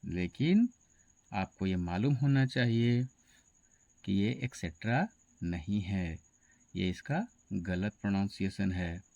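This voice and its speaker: Slow-spoken man teaching pronunciation. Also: deep voice, lively intonation, darkish tone, no echo, muffled recording. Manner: slow, deliberate, spells words letter by letter. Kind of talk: pronunciation lesson.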